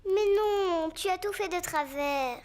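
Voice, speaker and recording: Cheeky little cartoon pig girl, super high voice, unhurried, sure of herself. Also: noisy background. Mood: bossy, proud. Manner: bossy, confident, childlike. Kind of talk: preschool cartoon voice acting.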